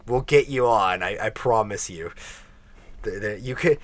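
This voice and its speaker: A man co-hosting a podcast from a home basement, chatting casually with lots of laughs and quick restarts. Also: fairly low pitch. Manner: laughing, joking banter with frequent restarts. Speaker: podcast co-host. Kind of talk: casual chat.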